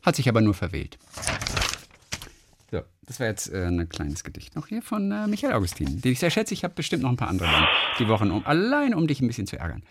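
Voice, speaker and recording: A man's voice: mid-range voice, wildly swooping pitch, fast, heavy background noise. A man co-hosting a podcast in casual chat, reading listener mail aloud and joking. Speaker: podcast co-host.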